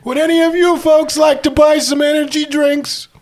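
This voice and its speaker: Lady doing a chipper old folks home resident in a tabletop game, super high voice, deadpan. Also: moderate pace.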